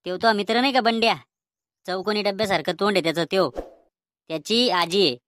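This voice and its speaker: A woman's voice: medium pitch, brisk, heavy background noise, lightly acted. A woman doing a stubborn old grandfather. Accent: Vidarbha Marathi. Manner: gruff, threatening, defiant. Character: stubborn bossy old grandfather wanting to marry. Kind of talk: cartoon comedy voice acting.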